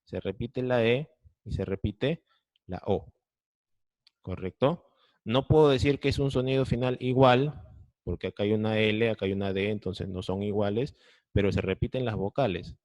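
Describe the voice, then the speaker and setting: A patient Peruvian man teaching a class over a video call, breaking each point down slowly and checking in with students. His voice sits fairly low, and the sound is dry and close, with no room echo. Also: darkish tone. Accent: Peruvian Spanish. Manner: patient, explaining step by step with frequent check-ins. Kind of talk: online class lesson.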